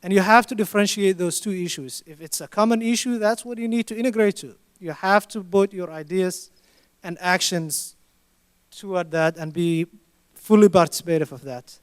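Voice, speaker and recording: A man with a high, smooth and resonant voice answers a question at a conference panel. He speaks in a measured, emphatic way and builds to firm points. The sound is dry and close. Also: dry recording.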